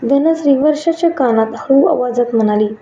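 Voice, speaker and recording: Reading a scripted story aloud, a woman gives each character a lightly shifted voice for the dialogue lines. Her high-pitched voice is warm and moves at a moderate pace. The recording has slight background noise and sounds muffled and echoey, as if in a room.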